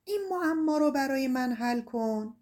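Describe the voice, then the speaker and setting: A woman's voice: high-pitched, expressive, a little mellow. A woman reading an audiobook voices a grieving young male shepherd, who calls out and pleads earnestly. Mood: pleading. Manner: pleading, calling out, raised and earnest.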